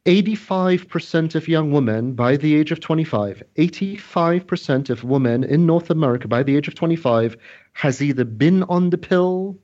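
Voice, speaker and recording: A man's voice: a little high, animated, moderate pace, darkish tone. A man from Trinidad, a scientist guest explaining his field in an earnest, emphatic way and repeating his key points. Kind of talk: interview explanation. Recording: slightly dull lo-fi audio.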